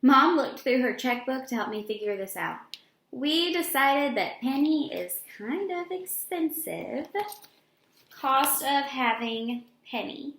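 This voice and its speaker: Taking her time, an elementary school teacher with a high, fairly bright voice reads a picture book expressively to young children and explains things in simple terms along the way. The recording picks up room echo and slight background noise.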